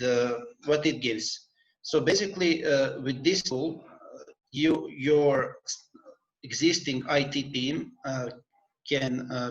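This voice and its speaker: Halting man presenting online. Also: mid-range voice. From Serbia. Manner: halting, many filler sounds and restarts. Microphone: video call. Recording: muffled online call audio.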